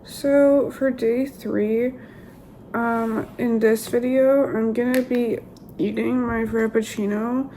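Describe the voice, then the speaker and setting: A young woman recording a casual video diary, halting and subdued, her voice sore and weakened after throat and sinus surgery. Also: a little high, fairly even intonation, warm tone, rough recording. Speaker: vlogger. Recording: clear background ambient noise.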